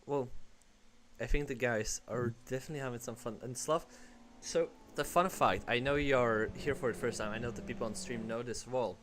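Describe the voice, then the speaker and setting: A man commentating a sim race on a stream, chatty and relaxed, reading out viewer messages. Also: medium pitch, moderate pace, a little hiss or hum.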